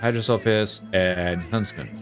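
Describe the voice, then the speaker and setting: Man, low voice, casual gameplay commentary, muttered thinking aloud, faint background music. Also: measured pace. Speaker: video game player. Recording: faint game music behind.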